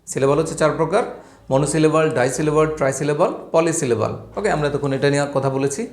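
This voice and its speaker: A man teaching an English lesson at a board, explaining with playful family comparisons. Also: medium pitch. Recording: echoey room.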